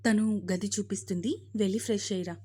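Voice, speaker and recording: A woman's voice: medium pitch, steady tone, fast, mellow, slightly rough, close to an everyday voice. A woman voicing a stern but loving middle-aged mother-in-law who gives firm orders in a storybook reading. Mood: commanding, affectionate. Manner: commanding, firm.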